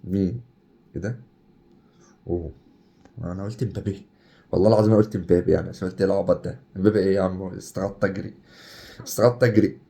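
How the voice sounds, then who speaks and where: Young Egyptian gaming YouTuber, quick and warm-toned, hyped and chatty. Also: male voice, low voice, vocal fry. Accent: Egyptian Arabic. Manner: excitable, chatty, swings between hype and groans. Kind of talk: casual gameplay commentary.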